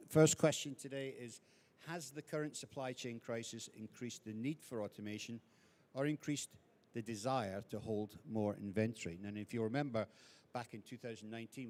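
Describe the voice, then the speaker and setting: A man's voice: lowish voice, a little mellow. A man moderating an industry panel discussion, introducing guests and posing questions with frequent fillers and self-corrections.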